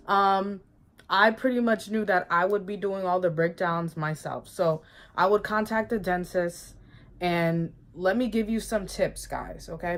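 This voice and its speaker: A woman vlogging in a casual, chatty way, emphatic and quick to laugh, who often checks in with "okay?". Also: medium pitch. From United States. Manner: laughs often, bursts of excitement. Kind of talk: casual chat to camera.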